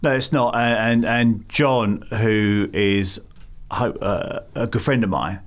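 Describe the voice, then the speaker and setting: A middle-aged campaign founder from England, speaking with a London accent, answers interview questions as a guest with many fillers and restarts. His voice is lowish and he takes it slowly.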